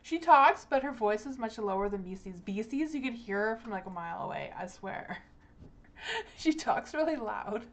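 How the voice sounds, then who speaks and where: A young woman reads tarot cards on a live stream. Her voice sits a little high, and she talks in a loose, rambling way, full of likes and ums. A faint hiss runs under the recording. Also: expressive, normal speed. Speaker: tarot reader.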